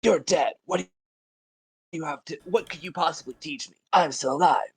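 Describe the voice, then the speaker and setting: A man's voice: a little high, normal speed, breathy edge, dry recording, voice pushed up. A man playing a haughty, skeptical adventurer in a tabletop game, speaking in a mock-formal, condescending way. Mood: skeptical, scornful.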